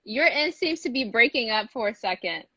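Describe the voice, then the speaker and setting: A woman's voice: on the high side, expressive, fairly quick, bright, forceful tone, no room sound, lo-fi sound. A woman interviewer chatting casually over a video call, her friendly voice coming through call audio that keeps breaking up.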